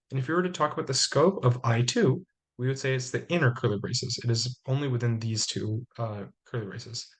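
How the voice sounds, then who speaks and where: A young man delivers a lecture in a mid-range voice, carrying a sore throat as he speaks. He explains things in a measured, step-by-step way, as if walking students through slides at his computer. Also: medium pitch. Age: young adult. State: sore throat, slightly sick.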